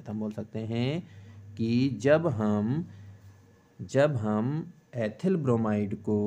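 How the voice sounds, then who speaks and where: A man's voice: fairly low pitch, mellow. A middle-aged man teaching a chemistry exam-prep lesson, explaining step by step and asking and answering his own questions, with short checks to the class.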